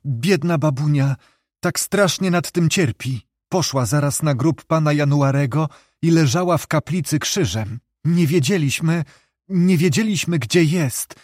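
A man voicing a young, genteel woman who speaks softly and anxiously in a novel reading. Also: a little high, a little slow, dry recording, clean studio sound. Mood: distressed. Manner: soft, anxious, pleading.

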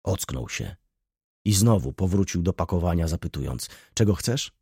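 A man narrating a classic novel as an audiobook in a measured, expressive reading. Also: deep voice, husky, no echo, studio quality.

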